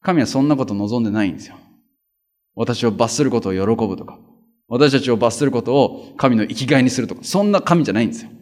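A man preaching as a pastor, in a lively, colloquial way with vivid sound words. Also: medium pitch. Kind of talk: conversational sermon.

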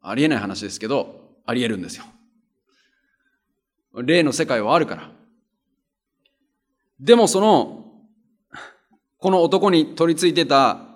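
A man preaching a conversational sermon and reading scripture aloud, earnest and plain-spoken, driving points home by repeating them. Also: medium pitch. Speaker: pastor.

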